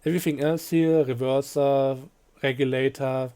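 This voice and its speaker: Mellow-voiced man reviewing a train game. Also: mid-range voice, moderate pace, smooth. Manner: relaxed, offhand, frequent fillers and dry asides. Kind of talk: casual game review commentary.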